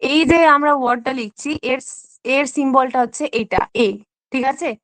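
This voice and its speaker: A woman's voice: high voice, moderate pace, a bit bright, dry recording, low-quality recording. A woman teacher giving an online exam-prep lesson, explaining step by step, mixing in English terms and checking in often. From West Bengal.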